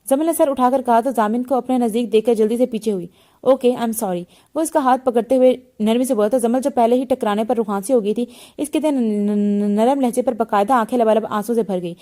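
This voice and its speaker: A woman reads a romance novel aloud, doing every character's lines herself. Her voice sits a little high but sounds soft and mellow. She stumbles often and restarts her words as she goes. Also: a little fast, few pauses. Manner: reads all the characters in a lightly shifted voice, with frequent slips and restarts. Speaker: novel reader.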